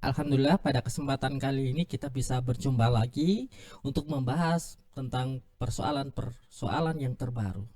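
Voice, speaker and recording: A man's voice: mid-range voice, moderate pace, warm tone. A man hosting an Islamic talk podcast, greeting and politely questioning his guest in a formal way. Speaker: podcast host.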